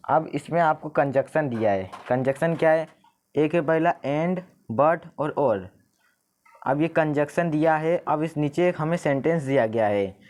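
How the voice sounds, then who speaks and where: A young man teaching an exam paper, explaining each answer step by step and reading the sentences slowly. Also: on the high side, a little mellow. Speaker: English tutor. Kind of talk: exam paper walkthrough lesson.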